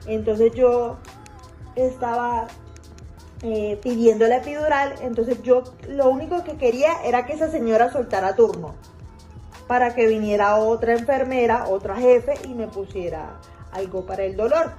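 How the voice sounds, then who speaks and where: A woman's voice: on the high side, moderate pace, warm tone, dull audio, soft background music. Rambling woman telling a story. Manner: rambling, repeats herself, many fillers. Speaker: vlogger telling a personal story. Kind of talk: casual storytelling monologue.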